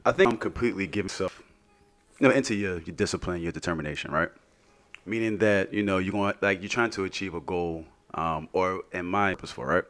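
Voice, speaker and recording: A man's voice: low voice, brisk, a bit bright. A man co-hosting a casual podcast, talking in an earnest, reflective way and often checking in with "you know what I mean". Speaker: podcast co-host.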